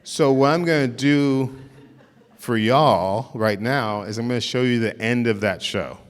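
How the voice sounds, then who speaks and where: A man's voice: mid-range voice, unhurried, smooth, big-room sound. A man giving an informal storytelling talk as a visiting artist, often restarting and saying "like". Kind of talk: storytelling lecture to an audience.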